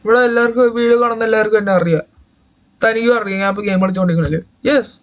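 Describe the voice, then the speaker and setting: A man's voice: high voice, very fast, dull audio. A young man and YouTube gamer giving chatty, joking let's-play commentary, talking to his viewers as guys.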